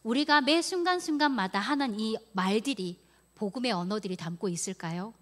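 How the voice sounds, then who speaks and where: A woman's voice: a little high, lively intonation, fairly quick, a bit bright. Woman preacher telling a personal story. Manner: storytelling, acts out quoted prayers and scoldings.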